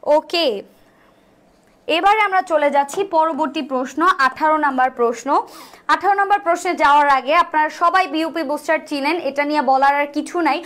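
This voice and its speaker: A woman tutor leading a live online exam-prep class, repeating each question and answer several times and slowly sounding out letters to demonstrate. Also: high-pitched, a bit bright. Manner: urges viewers to answer quickly. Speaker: admission test tutor.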